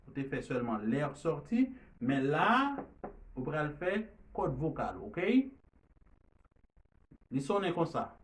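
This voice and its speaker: Guy teaching th sounds, slow and deliberate, repeats words loud. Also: a little high, sing-song, far from the mic, a little hiss or hum. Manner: repeats drill words loudly and slowly, mixes French and Creole. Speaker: English teacher. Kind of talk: pronunciation lesson.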